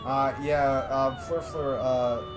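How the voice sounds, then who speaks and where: A man's voice: mid-range voice, steady tone, slow pace. A man streaming a game, talking to his chat through livestream headset audio, with joking, self-mocking asides. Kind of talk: casual livestream commentary over gameplay. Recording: game music playing clearly under the voice.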